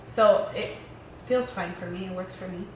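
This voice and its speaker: A woman's voice: mid-range voice, normal speed, a little mellow, distant mic, slight background noise. Chatty woman co-host, echoey room. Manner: teasing, chatty. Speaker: co-host asking questions. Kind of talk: casual Q&A chat. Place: indoor lounge room.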